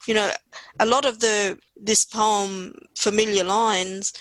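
A woman's voice: medium pitch, fairly even intonation, takes it slowly, no echo, poor audio. A woman from Western Australia with an Australian accent, a poet talking reflectively in conversation as an interview guest.

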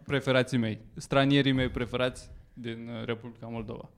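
A man's voice: medium pitch, level tone. A man in casual podcast banter, playful and teasing. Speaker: podcast co-host.

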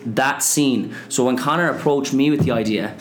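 A man's voice: medium pitch, normal speed, slight background noise. A man in his twenties with a west of Ireland accent, chatting casually as an interview guest. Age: 20s. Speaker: interview guest, business co-founder.

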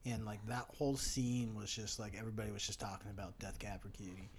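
A man's voice: lowish voice, level tone, a little hiss or hum. A man hosting a podcast, chatting casually and teasing his guest with jokes. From Pacific Northwest of the US. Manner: joking, teasing, quick to laugh. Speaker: podcast host. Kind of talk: casual chat.

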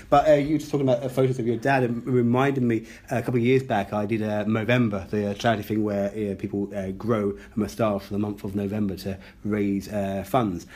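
Dry-humoured male podcast host, live. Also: medium pitch. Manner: dry, self-deprecating, rambling with many fillers. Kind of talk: live podcast chat before an audience. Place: live music venue room.

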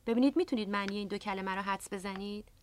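A woman hosting a radio language lesson, explaining words patiently into a close studio microphone. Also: medium pitch. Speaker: English teacher and radio host.

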